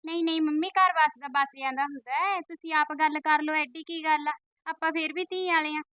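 A woman's voice: sits high, fairly even intonation, fairly quick, highs cut off, lightly acted. A woman with a Punjabi accent playing a married daughter pleading and arguing with her mother. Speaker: married daughter visiting home.

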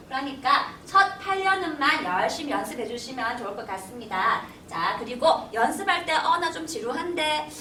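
A woman's voice: sits high, sharp tone, echoey room, recorded from a distance, slight background noise. A woman teaching a drumming class, cheerfully explaining rhythms and counting beats aloud. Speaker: drumming instructor. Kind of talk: online group class instruction.

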